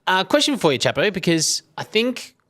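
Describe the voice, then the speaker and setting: A man's voice: sits high, sing-song, normal speed, fairly bright tone. Chatty male podcast co-host. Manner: chatty, asks detailed questions. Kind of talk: casual interview chat.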